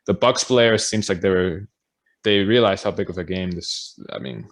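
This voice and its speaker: Hesitant young man, lowish voice. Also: moderate pace. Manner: hesitant, lots of fillers and restarts. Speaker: podcast co-host. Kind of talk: casual chat.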